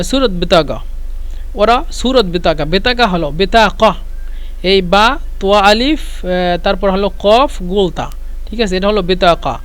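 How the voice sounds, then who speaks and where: High-voiced man teaching Arabic phrases. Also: fairly bright tone, no room sound. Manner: repeats phrases slowly, spells out letters. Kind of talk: explaining vocabulary lesson.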